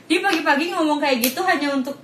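Woman co-host, animated storyteller, a bit high-pitched, echoey room. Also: quick pace. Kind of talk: casual podcast chat. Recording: roomy echo, faint noise.

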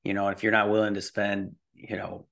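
A lowish, gravelly, fairly bright voice, completely flat in delivery and a little fast, belongs to a man in his early forties. As a fitness and nutrition coach guesting on a podcast, he explains things casually and at rambling length.

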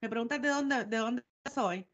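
A woman's voice: fairly high pitch, moderate pace, a bit bright, dull audio. A Puerto Rican woman co-hosting a podcast, telling stories in a chatty way full of asides. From Puerto Rico. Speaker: podcast co-host. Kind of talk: casual chat.

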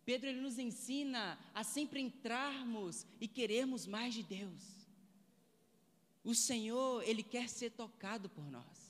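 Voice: mid-range voice, slow pace, in a large hall. A preacher giving a sermon, asking the listeners one rhetorical question after another.

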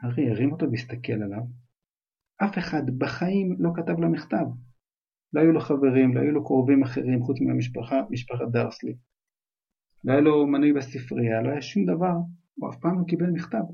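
A man with a gravelly, husky voice reads a storybook chapter aloud, retelling it loosely in an everyday, conversational way. The recording sounds dull and lo-fi. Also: mid-range voice.

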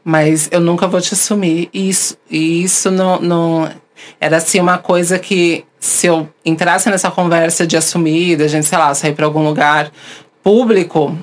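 A woman's voice: fairly low pitch, moderate pace. A woman, a podcast host now interviewed, telling candid personal stories and acting out the people she quotes. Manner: animated, acts out the voices of people she quotes.

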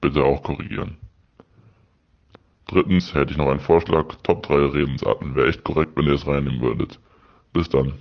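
A man in his thirties leaving a deadpan answering machine message as a listener caller, reading out punctuation marks. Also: rumbling low, normal speed, creaky, pauses often. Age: 30s. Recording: dull lo-fi voicemail recording.

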